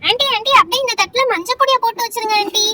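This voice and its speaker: A woman plays an eager, nosy little girl in a storybook doll play, speaking with a Tamil accent. The voice is very high and bright, and she keeps chattering for aunty's attention. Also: racing.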